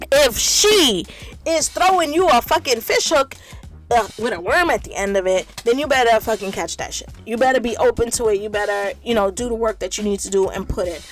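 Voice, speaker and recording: A woman hosting her own podcast, ranting bluntly in a casual monologue, full of profanity and repeating her points for emphasis. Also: fairly high pitch. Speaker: podcast host.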